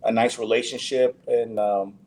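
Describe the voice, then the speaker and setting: Laid-back man, dark voice. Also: mid-range voice, normal speed, a little hiss or hum. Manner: many fillers and restarts, relaxed. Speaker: actor guest. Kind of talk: casual interview.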